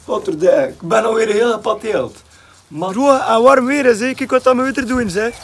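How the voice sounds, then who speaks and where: A man's voice: extremely high pitch, moderate pace, husky. A young man from West Flanders with a West Flemish accent, chatting casually in his own vlog and tagging his sentences with little fillers. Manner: chatty, with frequent filler tags. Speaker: vlogger. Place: outdoors and at home.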